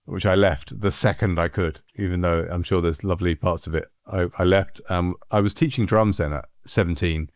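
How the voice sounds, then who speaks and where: A middle-aged man from England, a music producer, telling anecdotes in a relaxed, animated way with frequent laughs. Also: deep voice, normal speed, few pauses, no echo, studio quality. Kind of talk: relaxed storytelling.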